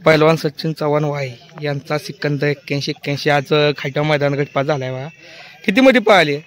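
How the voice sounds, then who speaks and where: A man working as a field reporter, firing off brisk, repetitive questions at a bullock cart race and echoing back the answers. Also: a little high. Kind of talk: quick roadside interviews.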